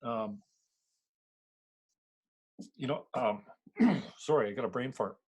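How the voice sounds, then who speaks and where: A man's voice: mid-range voice, takes it slowly, breathy edge. A middle-aged Canadian man hosting a casual interview, talking in a rambling, self-deprecating way with many restarts. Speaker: podcast host.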